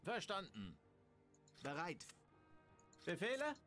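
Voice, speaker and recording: An actor voicing eager German soldiers in a video game, barking clipped military replies to orders. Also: male voice, high voice, huge pitch swings, takes it slowly, exaggerated voice. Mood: brisk, dutiful. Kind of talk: video game unit voice lines. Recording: faint game audio under loud music. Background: loud game music, vehicle sounds.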